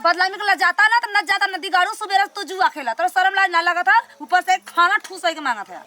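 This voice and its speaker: A woman's voice: brisk, pushed and bright. A woman with an Awadhi accent playing an exasperated village wife who nags and scolds in a comedy skit. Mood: angry scolding. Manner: shrill, nagging, combative complaining.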